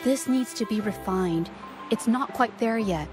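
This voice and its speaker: A woman voices a shy, earnest young painter in a video game who doubts herself, sounding hesitant and apologetic in a dramatic performance. Her natural, medium-pitched voice is unhurried, wistful and sincere, with music playing in the background.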